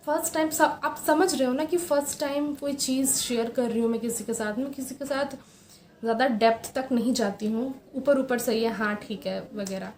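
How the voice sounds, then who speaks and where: A young woman vlogging from home, telling a personal story in a soft, hesitant way with many fillers. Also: high-pitched, normal speed, hardly any pauses. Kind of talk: personal confessional vlog. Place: room at home. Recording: roomy echo, faint background hiss.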